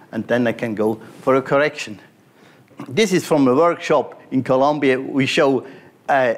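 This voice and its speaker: A man, a surgeon, giving a conference lecture over slides, walking through each point with non-native phrasing and frequent fillers. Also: mid-range voice. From Switzerland. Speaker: pediatric orthopaedic surgeon lecturing.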